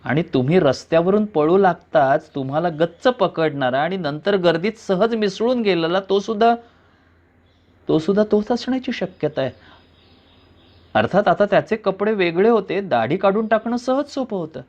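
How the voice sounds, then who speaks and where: A man's voice: high-pitched, expressive, moderate pace, darkish tone. A man giving a dramatic reading of a thriller, narrating suspensefully in the second person. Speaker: reader. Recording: dull lo-fi recording.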